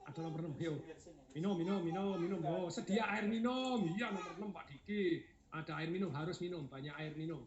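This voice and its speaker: A middle-aged man leads a motivational seminar with a high, energetic voice, laughing and urging the crowd to shout. His voice rings around a roomy space, and the recording sounds dull and lo-fi. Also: brisk. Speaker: seminar speaker.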